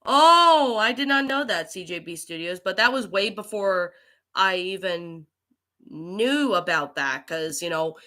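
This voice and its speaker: Recovering from a cold and dealing with allergies, a livestream host and creepypasta narrator with a bright voice reads out viewer comments and replies in relaxed chat. She speaks in a mid-range voice at an unhurried pace, with lively intonation.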